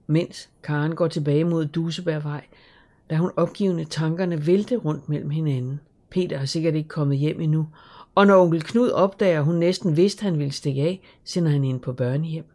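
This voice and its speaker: An audiobook narrator reading a children's novel at an even, measured pace. The voice sits at a middle pitch and carries a noticeable gravelly creak. The delivery stays calm and story-focused.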